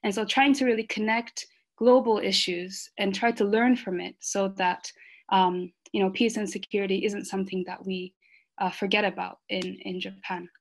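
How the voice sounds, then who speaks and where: A woman who grew up in Rwanda, speaking earnestly on an online panel, with many fillers and pauses. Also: mid-range voice, steady tone.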